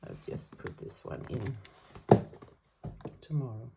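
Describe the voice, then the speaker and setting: Very deep and gravelly, the voice belongs to a Danish woman who vlogs about planners, chatting slowly and hesitantly in accented English, her second language, as she arranges her weekly planner. She is careful and uses many fillers. The recording is very noisy.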